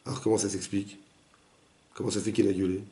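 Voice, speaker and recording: Gravelly-voiced rabbi teaching a lively class. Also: male voice, lowish voice, fast. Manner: animated, questions the students, acts out dialogue. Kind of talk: lively interactive Torah class. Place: echoey room with students. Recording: roomy echoey room recording.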